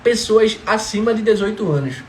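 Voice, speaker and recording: A man's voice: high voice, moderate pace. A man, talking casually and emphatically about his family as a father and often checking that he is understood. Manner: animated, emphatic, keeps asking "entendeu?". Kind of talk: casual testimony talk. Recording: echoey room with faint background noise.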